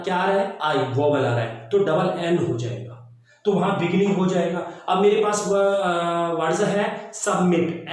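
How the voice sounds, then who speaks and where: A male English teacher with a Haryanvi Hindi accent, lecturing on grammar and spelling out words letter by letter, switching between slow English and quicker Hindi. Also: high-pitched. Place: classroom with a board. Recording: very echoey room.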